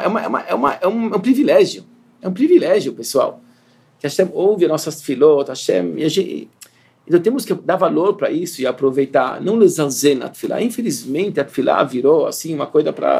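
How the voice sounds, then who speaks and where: A man giving a Torah lesson to yeshiva students, his voice gravelly and a touch husky, pitched a little high for a man. He teaches earnestly, repeats key phrases and asks rhetorical questions. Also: a little mellow. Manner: earnest, repetitive, rhetorical questions, mixes Hebrew terms. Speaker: yeshiva rabbi.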